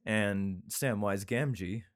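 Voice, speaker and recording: A man's voice: on the low side, takes it slowly, no room sound, clean studio sound. A man reading scripture aloud in an irreverent, profane way, breaking off into rambling casual asides. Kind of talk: casual comedic reading and chat. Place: indoor room with a cat.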